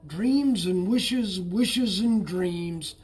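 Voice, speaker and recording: A man voicing a mysterious male wizard in a storybook, speaking slowly, softly and knowingly. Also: sits high, sing-song. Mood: cryptic. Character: mysterious winking male wizard, calm and cryptic.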